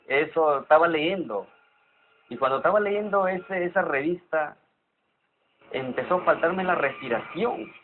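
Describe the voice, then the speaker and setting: A man giving an earnest, halting personal testimony. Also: a little high. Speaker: church member giving testimony. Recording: tinny phone-like sound with music behind.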